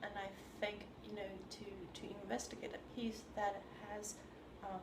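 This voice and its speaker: A woman from China who speaks English, a composer answering interview questions in a thoughtful, halting way and searching for her words. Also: medium pitch. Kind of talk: reflective conversation. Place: room in New York. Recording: roomy sound with steady background noise.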